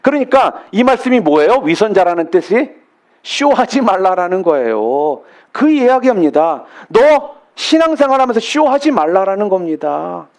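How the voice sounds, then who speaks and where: A man's voice: high voice, big pitch swings, normal speed, darkish tone. A man preaching a sermon as pastor, asking the congregation questions and stretching key words for emphasis.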